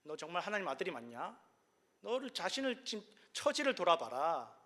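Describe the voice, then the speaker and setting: A pastor voicing a sly, coaxing male devil who mocks and wheedles, rising to shouts. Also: high-pitched, big pitch swings, normal speed, voice pushed up, full character voice. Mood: taunting.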